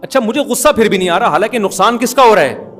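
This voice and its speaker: Middle-aged man, high pitched voice, amused chuckling storyteller, casual talk. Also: lively intonation, quick pace, a bit bright, faint music behind. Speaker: father telling a family story. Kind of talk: humorous anecdotal talk.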